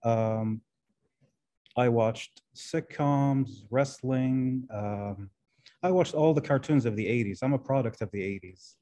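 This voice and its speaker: A man's voice: mid-range voice, slow, dark tone. A Kuwaiti man in his forties whose first language is Arabic, answering interview questions over a video call in a hesitant way, with many fillers and restarts. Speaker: guest, translation professor. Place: indoor room.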